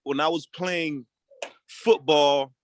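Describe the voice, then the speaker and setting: A man's voice: on the high side, steady tone, slow pace, slight background noise. A young man from Puerto Rico, a rap artist, telling his story in a laid-back, slangy way as an interview guest. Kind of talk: casual interview talk.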